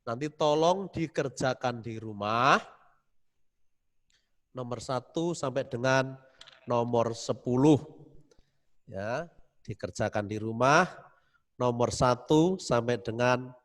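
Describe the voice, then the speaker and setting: A man's voice: mid-range voice, slow pace, pauses often. A male religion teacher giving an online class to young pupils over a video call, patient and soothing, dictating and repeating "ya" often. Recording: roomy, long reverb.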